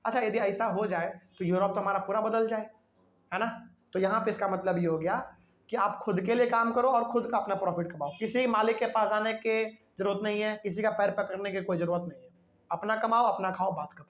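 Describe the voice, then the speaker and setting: Echoey teacher explaining a lesson with questions. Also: mid-range voice. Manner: reads English lines slowly, then explains in Hindi; asks the class questions and answers them himself. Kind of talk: explaining a class 9 history lesson. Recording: echoey room.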